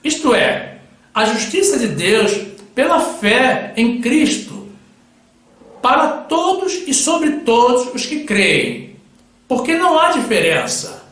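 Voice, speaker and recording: High-voiced male preacher, solemn slow sermon, lively pitch, very echoey room. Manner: solemn, addresses listeners as brothers. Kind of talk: sermon with Bible readings.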